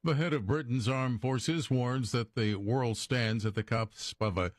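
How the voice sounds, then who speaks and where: A man's voice: mid-range voice, measured pace, dry recording, clean studio sound. An American man anchoring a scripted radio newscast. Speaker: news anchor.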